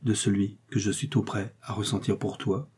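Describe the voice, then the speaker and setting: A man voicing a cunning young gentleman who speaks in a smooth, coaxing way. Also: lowish voice, fairly even intonation, moderate pace.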